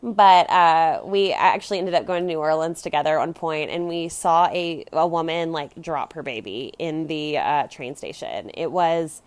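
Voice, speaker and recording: Young American woman, clear Valley Girl voice. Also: sits low, normal speed, hardly any pauses, dry recording. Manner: conversational, peppered with "like" and "you know". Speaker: podcast host. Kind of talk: casual personal storytelling, confessional.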